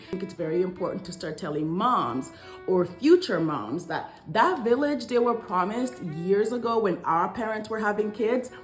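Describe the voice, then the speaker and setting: A Congolese woman in her thirties, a stay-at-home mother who vlogs about lifestyle, delivers a scripted talk to camera. Her medium-pitched voice is conversational and emphatic, with reverberation in the recording.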